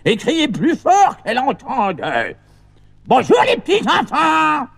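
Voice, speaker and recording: An actor playing a cheeky old grandfather on a children's record who keeps shouting greetings and jumbles up his stories. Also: extremely high pitch, sing-song, slow, creaky, breathy edge, full character voice. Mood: insistent. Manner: repeats himself, shouts greetings, mixes up stories. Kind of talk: children's record comic acting.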